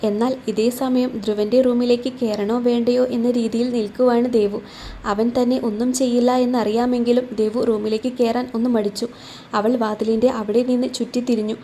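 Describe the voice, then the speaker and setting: Mellow-voiced woman narrating a romance story. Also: a little high, a little hiss or hum. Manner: voices every character in her own voice.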